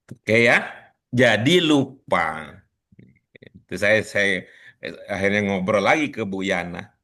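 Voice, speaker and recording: A man leads an online class over a video call, talking casually and joking with the students. His voice is lowish and bright, with a forceful edge. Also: animated, slow pace. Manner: chatty, teasing, laughs often. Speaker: teacher.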